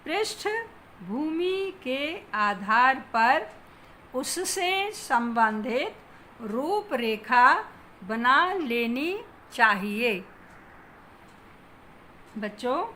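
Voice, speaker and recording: A woman teacher giving a Hindi lesson to children, dictating slowly and stressing each word. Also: high voice, pushed and bright, a little hiss or hum. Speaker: school teacher.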